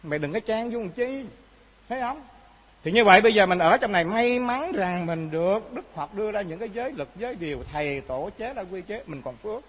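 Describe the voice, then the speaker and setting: Lively high-voiced monk. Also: male voice, fairly quick, breathy edge. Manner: animated storytelling, rhetorical questions to listeners. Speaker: Buddhist monk giving a dharma talk. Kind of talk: sermon with folk anecdote. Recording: muffled hall recording with long reverb.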